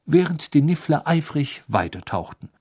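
A man's voice: on the high side, very animated, normal speed, darkish tone, slightly rough, no echo. Man narrating a storybook, dry close sound. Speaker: audiobook narrator.

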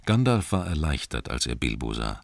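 Very deep-voiced male narrator. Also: gravelly, no room sound, studio quality. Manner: calm, measured storytelling. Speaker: audiobook narrator. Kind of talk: scripted narration.

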